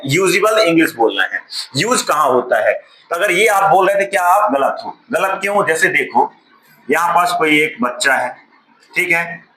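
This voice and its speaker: A man teaches a classroom lesson, asking questions and answering them himself while drawing out key words. His voice is bright and sits a little high. The room is echoey, with faint noise behind him. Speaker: spoken English teacher.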